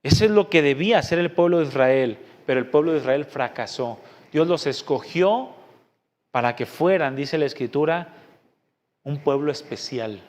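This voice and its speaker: A man preaching a sermon as pastor. He preaches emphatically, with sudden loud rhetorical questions and quiet asides. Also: on the high side, lively intonation, moderate pace. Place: church meeting hall. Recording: long reverb from a church hall.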